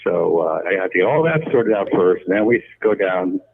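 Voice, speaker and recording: A man's voice: sits low, lively intonation, moderate pace, slight background noise. A man leaving a rambling voicemail full of repeats and "uh" fillers, played back on a speakerphone held up to the mic. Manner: rambling, repetitive, many "uh" fillers. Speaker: voicemail caller. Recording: tinny muffled phone speaker.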